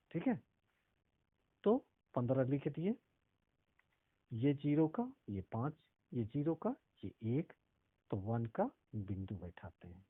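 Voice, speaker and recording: A male math teacher with a medium-pitched voice walks through decimal multiplication step by step, frequently pausing to check whether students understood. The audio is tinny and phone-like, with no room sound.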